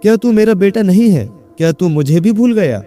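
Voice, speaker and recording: A man voicing an elderly mother who anxiously pleads with her confused son, in a raised, higher voice. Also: animated, brisk, mellow, faint music behind. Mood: pleading.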